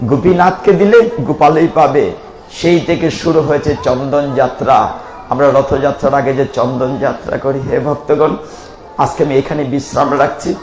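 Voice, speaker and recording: Man, devotional preacher, high voice, fervent, echoey hall. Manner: impassioned, rising to fervent calls and sung chants. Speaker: Gita preacher. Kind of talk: devotional sermon with chanting.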